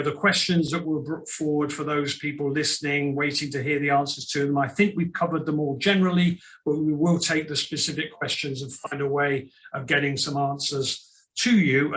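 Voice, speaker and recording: A man's voice: a little high, fairly bright tone. A man hosting a panel on a video call, jokey, repeating words as he goes. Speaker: webinar host. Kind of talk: panel moderation.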